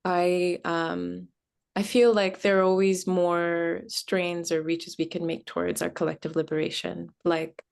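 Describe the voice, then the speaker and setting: Thoughtful young woman with vocal fry. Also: lowish voice, level tone, a little slow, a little mellow. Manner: thoughtful, reflective. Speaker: screenwriter. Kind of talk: interview answers.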